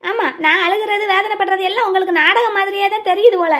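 A woman's voice: brisk, gravelly, sharp tone, heavily acted. A woman voicing a tearful, pleading middle-aged village wife in a cartoon, arguing with her husband. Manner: pleading, shrill and upset. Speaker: cartoon character. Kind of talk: cartoon voice acting.

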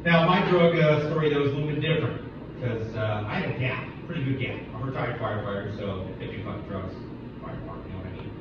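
A man's voice: mid-range voice, quick pace, noisy background. Swearing stand-up man in echoey club. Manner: laid-back, swearing, acts out dialogue. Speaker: stand-up comic. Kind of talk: open mic stand-up. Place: small comedy club stage. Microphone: handheld mic, filmed from far back in the audience. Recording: echoey club, distant and muffled.

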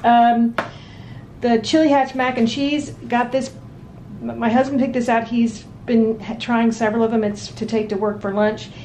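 A woman chatting casually at home while showing off her weekly grocery haul, relaxed and full of ums and restarts. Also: a little high, moderate pace, slight background noise. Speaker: vlogger. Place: home dining room at a table.

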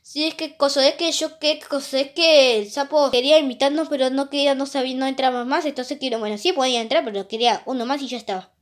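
Using plush toys, a high-pitched woman plays out a video game, switching rapidly among squealing, excited character voices in a playful way.

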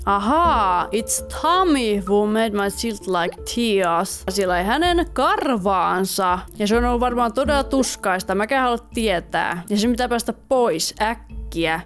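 A young Finnish woman giving casual let's-play commentary, reading game text aloud and chatting to her viewers. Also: medium pitch. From Finland. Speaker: gaming YouTuber. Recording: faint music behind voice.

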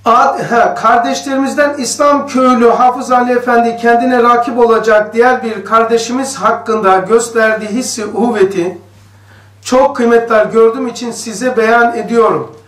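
A man leads a religious study circle, reading passages aloud and unpacking them for his listeners in an easy, conversational manner. His voice sits very high for a man. It carries a cave-like echo, as if bouncing off bare walls, and sounds distant from the microphone. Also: a bit bright. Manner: conversational, explains each passage and questions the listeners. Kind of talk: reading a religious text aloud and explaining it to a group. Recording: echoey room, voice distant from the mic.

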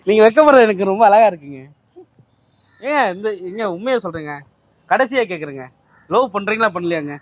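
A man's voice: high-pitched, expressive, a little fast, pauses often, no room sound. A young man doing a street prank, pushily pleading and calling after a woman outdoors. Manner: pushy, wheedling, keeps calling out to her.

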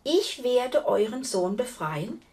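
A woman's voice: fairly high pitch, sing-song, slow, voice pushed up, exaggerated voice. Frida, a fearless bold knight woman, as a woman plays her. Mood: proud. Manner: loud and commanding. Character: fearless young female knight, bold and commanding.

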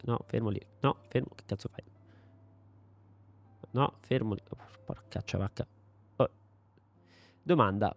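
A man's voice: fairly low pitch, a little mellow. Joking, foul-mouthed young gamer man. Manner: casual, joking, swears often and talks to himself. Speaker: gaming video creator. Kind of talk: let's play commentary.

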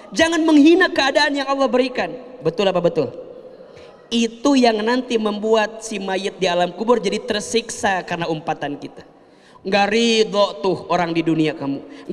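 A man delivering an emotional sermon as a preacher, swinging between soft and loud passages. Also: sits high, in a large hall.

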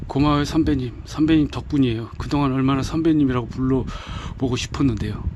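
A man's voice: medium pitch, a little fast, muffled recording, background noise, close to an everyday voice. A man voicing an earnest, lovestruck young male student, speaking eagerly.

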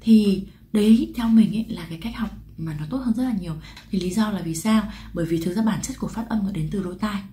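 A woman's voice: mid-range voice, quick pace, dark tone. A woman from Vietnam teaching English pronunciation in a chatty lesson, asking rhetorical questions and drawing out example words. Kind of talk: explanatory lesson to camera.

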